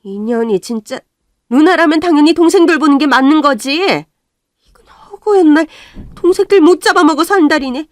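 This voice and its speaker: A woman voicing a harsh middle-aged mother who scolds and shouts at her daughter in a storybook radio drama. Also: fairly high pitch, lively intonation, moderate pace, no echo, studio quality, pitched above the performer's own voice, close to an everyday voice. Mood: shouting.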